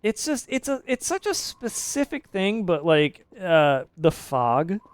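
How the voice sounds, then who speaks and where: A man in his thirties rants through a live game stream in a fairly high, smooth voice. He is opinionated and swears casually, and the sound is dry and close, with no room echo. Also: very animated, takes it slowly.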